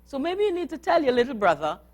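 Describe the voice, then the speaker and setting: A woman's voice: high-pitched, sing-song, fast. A religious sister giving a workshop talk to a live group, earnest and coaxing, often putting questions to her listeners. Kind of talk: workshop talk on nonviolent communication.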